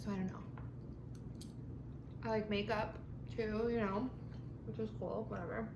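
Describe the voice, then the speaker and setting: A woman's voice: mid-range voice, fairly even intonation, a little slow, highs cut off. A woman vlogger rambling casually and informally to camera over lunch, with frequent filler words and mild swearing. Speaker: vlog host. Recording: echoey room with clear background noise.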